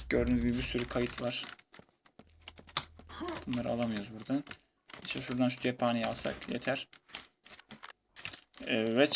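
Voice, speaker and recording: A man commentating his own playthrough of a shooter game in a casual, chatty way, taunting enemies and breaking into excited shouts. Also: medium pitch. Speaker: gamer playing through a retro shooter. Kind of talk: casual let's-play commentary. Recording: noisy, game gunfire behind. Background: video game gunfire and keyboard clicks.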